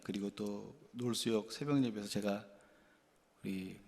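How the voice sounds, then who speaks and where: A male pastor preaching a sermon through stories, animated and candid, dropping to quiet asides and then rising into loud, emphatic bursts. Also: mid-range voice, creaky, long reverb tail. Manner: candid, self-deprecating confession. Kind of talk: storytelling sermon.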